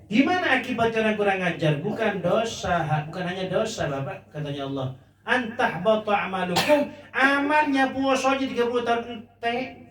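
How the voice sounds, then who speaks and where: Preacher, man, fairly high voice, lively rhetorical style, picked up at a distance in an echoey hall. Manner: lively, addresses crowd with rhetorical questions. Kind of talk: religious sermon. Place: religious gathering hall.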